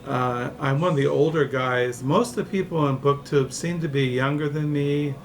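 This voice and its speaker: A man's voice: mid-range voice, moderate pace, slight background noise. A man in his sixties from California, rambling through a casual home vlog with many fillers and restarts, recorded in his dining room. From California, USA. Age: 60s. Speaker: book vlogger. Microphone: camera mic.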